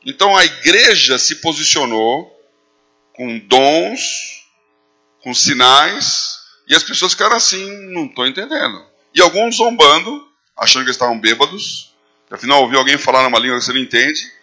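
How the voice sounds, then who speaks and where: A man's voice: on the high side, expressive, moderate pace, sharp tone. A man preaching a sermon, animating his points with acted quotes. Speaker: pastor.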